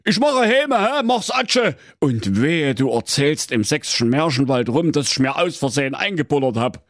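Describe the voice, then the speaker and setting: A man's voice: fairly high pitch, very animated, normal speed, a bit bright, no echo, studio quality, pitched above the performer's own voice. Storybook parody: nervous, blustering male wolf, voiced by a man a few notes above his own. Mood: whiny. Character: cowardly, whiny big bad male wolf.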